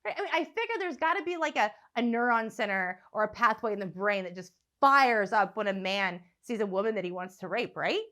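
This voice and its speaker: A woman's voice: mid-range voice, a little fast, few pauses, fairly bright tone. A young woman stand-up comic ranting profanely and sardonically, practicing her set into a phone at home. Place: room at home.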